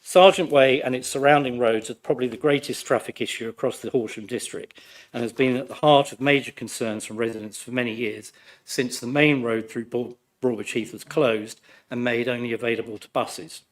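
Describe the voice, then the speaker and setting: A man, his voice croaky from flu, reading a formal, measured and critical speech as a councillor. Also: mid-range voice, steady tone. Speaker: ward councillor addressing a planning committee. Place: council meeting room.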